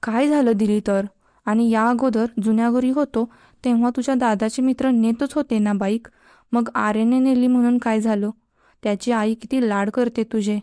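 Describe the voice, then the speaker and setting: A woman's voice: a little high, steady tone, normal speed, warm tone, clean tone, no room sound, studio quality, lightly acted. A woman voicing a stern middle-aged mother who scolds her daughter, in a spoken storybook. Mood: scolding.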